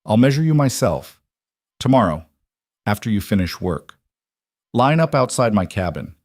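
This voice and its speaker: A man's voice: on the low side, big pitch swings, normal speed, a little mellow, no echo, studio quality. A man voicing a determined, practical young seamstress in a storybook tale. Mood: brisk.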